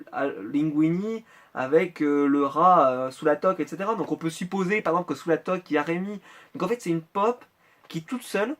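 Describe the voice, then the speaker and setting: A man's voice: a little high, a bit bright. Chatty man rambling in an unboxing. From France. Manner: chatty, rambling with many hesitations. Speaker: Funko Pop collector vlogger. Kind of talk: casual unboxing vlog.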